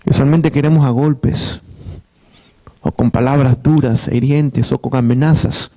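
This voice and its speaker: A man's voice: mid-range voice, fairly even intonation, a little slow, warm tone. A middle-aged man preaching a sermon as pastor, earnest, often repeating and restarting words.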